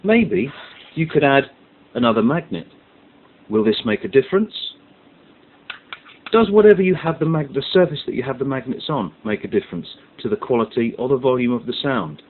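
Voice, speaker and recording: Fairly quick and lively in intonation, a medium-pitched male presenter methodically explains each step of a hands-on science tutorial, emphasizing key terms. Hiss and a muffled lo-fi quality mark the recording.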